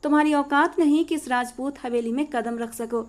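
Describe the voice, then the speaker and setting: A woman's voice: high-pitched, fairly quick, close to an everyday voice. A woman voicing a haughty, hostile young woman of a rich household in a storybook reading, with a scornful, venomous tone.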